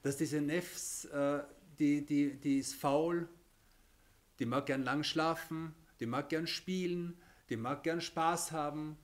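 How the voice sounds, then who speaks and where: A man delivers a religious lesson in a slightly higher voice. He explains with everyday examples and keeps checking in with his listeners with "okay?". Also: steady tone, slow pace. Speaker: religious teacher.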